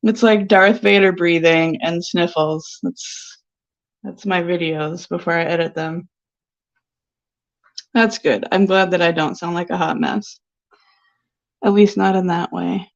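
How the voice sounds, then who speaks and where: A woman's voice: on the low side, fairly even intonation, measured pace, creaky, pauses often. A sniffly woman painter chatting casually on a live stream, rambling and giggly with lots of filler words. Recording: dull lo-fi stream audio.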